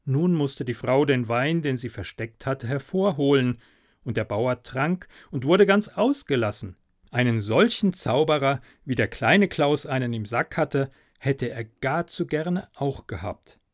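Man, narrator, fairy tale reading, calm even delivery, mid pitch, close mic, dry recording. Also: measured pace, no echo.

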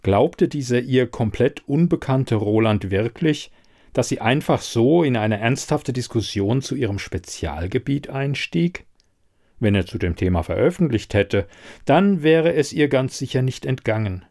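A man narrating an audiobook at an unhurried pace. His voice sits at an ordinary middle pitch, and his reading is calm and measured. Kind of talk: scripted narration.

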